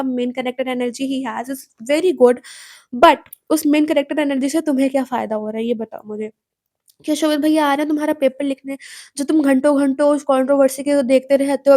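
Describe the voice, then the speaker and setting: A woman's voice: high-pitched, warm tone, dry recording, studio quality. A young woman student talking straight to her viewers, lecturing them and asking pointed questions. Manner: direct, lecturing, asks the audience pointed questions. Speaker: student commentator. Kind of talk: casual commentary to viewers.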